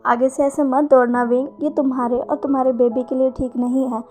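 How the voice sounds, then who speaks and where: A woman voicing an affectionate, gently teasing mother in a storybook reading. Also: high voice, flat delivery, brisk, faint music behind, lightly acted. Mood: fond. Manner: coaxing, affectionate.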